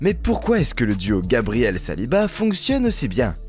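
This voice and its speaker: A man's voice: mid-range voice, huge pitch swings, moderate pace, a little mellow, faint music behind. A man doing humorous scripted voice-over commentary, teasing and mock-indignant as he addresses viewers directly. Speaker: video host and narrator.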